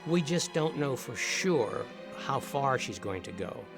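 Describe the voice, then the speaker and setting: A man's voice: medium pitch, very animated, unhurried, music in the background. Older man reminiscing about a classic film. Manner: warm-hearted, reminiscing, conversational. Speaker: former police officer and author discussing a film. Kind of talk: reflective interview commentary.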